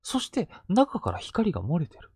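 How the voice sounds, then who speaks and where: A man narrates true ghost stories in a hushed, suspenseful way. His pitch swings widely as he builds dread. The sound is dry and close, with no room around it. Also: wildly swooping pitch, normal speed, husky, dry recording. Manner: hushed, suspenseful storytelling with sudden vivid quotes.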